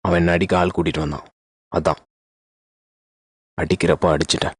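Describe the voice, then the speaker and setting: A man's voice: low-pitched, flat delivery, moderate pace, slightly rough, dry recording, clean studio sound. An actor playing a blunt young male student who scolds a girl in a TV serial. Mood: scolding. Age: young adult. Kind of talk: TV serial acting. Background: background music.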